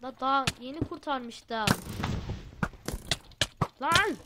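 A woman talks her way through a game at home, chatty and excitable, with frequent laughs. Her voice sits a little high. The headset recording carries a clear layer of background noise. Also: extremely slow. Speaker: gaming channel host. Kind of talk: casual gameplay commentary. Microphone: headset mic.

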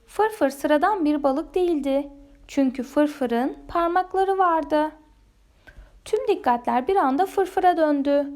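A woman reads a children's picture book aloud, gentle and expressive. Her voice is high and her pace slow and deliberate, made for young listeners. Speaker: storyteller. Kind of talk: children's storybook read-aloud.

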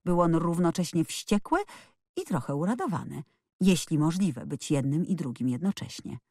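Expressive woman reading an audiobook. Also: low-pitched, normal speed, no echo, studio quality. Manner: expressive, lively storytelling. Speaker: audiobook narrator. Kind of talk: scripted narration.

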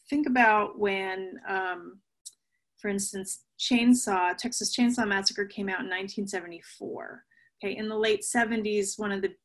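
A woman's voice: medium pitch, fairly bright tone. Middle-aged woman answering thoughtfully on a video call. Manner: thoughtful, with frequent fillers and restarts. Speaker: author and guest. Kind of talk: conversational interview answers. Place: home room with bookshelves and shuttered windows. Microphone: laptop webcam on a video call.

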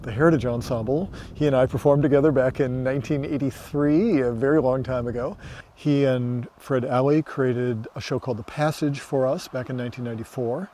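A middle-aged man leading a theater company, speaking in a measured, formal way. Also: medium pitch, fairly even intonation, dark tone, a little hiss or hum. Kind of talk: documentary interview.

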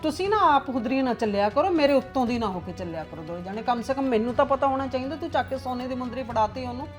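A scheming mother-in-law, played by a woman in a homemade family drama scolds and lectures with a suspicious edge. Her voice sits a touch high, with soft music faintly under it. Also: lively intonation, fast talker, natural voice. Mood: lecturing. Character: scheming nagging middle-aged mother-in-law.

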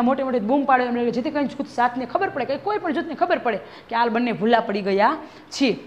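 Brief: woman teacher, fast reader, high voice, explains each line to the class. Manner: reads a line then re-explains it, often asking "બરાબર છે?". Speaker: schoolteacher. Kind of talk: classroom reading and explaining a textbook lesson.

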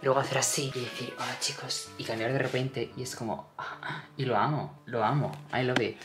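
A man's voice: mid-range voice, a little fast. Gushing young man vlogging in an echoey room. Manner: gushing and excitable, mixing in English words. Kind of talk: casual vlog chat. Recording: echoey room with music behind.

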